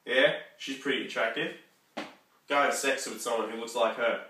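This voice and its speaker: A man putting on a sly, low tempting devil. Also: fairly even intonation, normal speed, bright, forceful tone, slight background noise, lightly acted. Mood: sly coaxing. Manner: wheedling, coaxing. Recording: roomy echo, far from mic.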